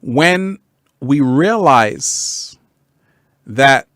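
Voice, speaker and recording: Laid-back guy on a livestream, talks slow, laughs a lot, dry close sound. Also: medium pitch, lively intonation, a bit bright, no echo. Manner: laid-back, laughs often, repeats phrases, sudden whoops. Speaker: livestream host. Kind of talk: live stream chat, reading comments.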